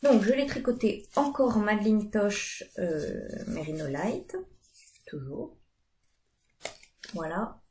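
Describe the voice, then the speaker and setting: A woman's voice: mid-range voice, expressive, takes it slowly, pauses often, warm tone. A woman in her thirties, chatting casually about her knitting with many fillers. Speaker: knitting vlogger. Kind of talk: casual chat.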